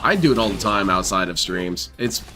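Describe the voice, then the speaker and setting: A man's voice: low-pitched, lively intonation, moderate pace, pushed and bright. Man in a silly clown voice, teasing commentary. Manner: mocking, teasing. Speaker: livestreamer commenting on a restreamed game. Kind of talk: casual running commentary. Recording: music playing behind voice. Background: music.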